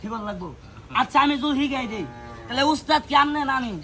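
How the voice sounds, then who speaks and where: A man's voice: very high voice, a little fast, over music. A man from Bangladesh, working a street magic show with rhyming chants and teasing crowd banter.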